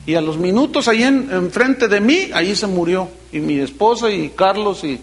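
High-voiced pastor preaching animatedly. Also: male voice, normal speed. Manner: animated preaching with quoted voices and sudden soft drops. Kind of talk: sermon.

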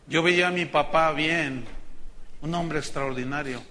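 A man's voice: a little high, unhurried, pushed and bright. A man preaching a sermon, speaking earnestly to his congregation and acting out prayers with drama.

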